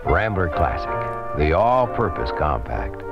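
A man's voice: rumbling low, sing-song, measured pace, vocal fry. A man announcing a vintage commercial in an emphatic, salesy voice, heard from an old archival recording. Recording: dull lo-fi 1960s commercial with loud brass music.

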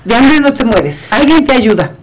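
A woman's voice: on the high side, very animated, moderate pace, rough recording. A woman with a Mexican accent, chatting on a talk show with playful interjections. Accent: Mexican Spanish. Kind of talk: casual talk show chat.

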